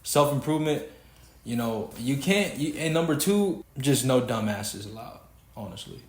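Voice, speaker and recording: Animated and moderately paced, a young podcast host from Houston, Texas, rants casually in a medium-pitched voice. He sounds preachy and emphatic and curses freely, all in an echoey room.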